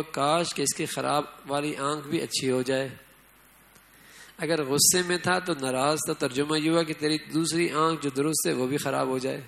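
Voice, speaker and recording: A man gives an Islamic sermon in a loose, conversational way, often tossing questions to his listeners. His voice sits a little high and has a gravelly rasp. He leans hard on quoted lines when he acts them out. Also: fairly bright tone, a little hiss or hum, rough recording. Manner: conversational, asks the audience often. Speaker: preacher.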